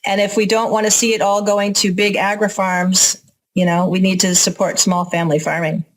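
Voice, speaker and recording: A woman's voice: mid-range voice, little pitch movement, normal speed, rough recording. A woman with an American accent speaking as an interview guest, informal and candid as she explains things. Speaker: interview guest, organic farmer and educator. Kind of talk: conversational interview answers.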